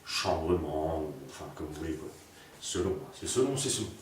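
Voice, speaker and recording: Low-voiced man rambling in echoey room. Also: animated, brisk. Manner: rambling, full of fillers and puns. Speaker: comedian. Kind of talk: rambling comic monologue. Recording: very echoey, distant, faint noise.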